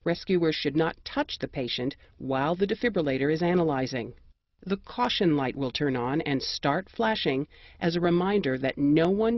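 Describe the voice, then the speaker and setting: An American narrator reads scripted instructions in a measured, precise, formal way. The voice is mid-range, with no room sound and dull audio.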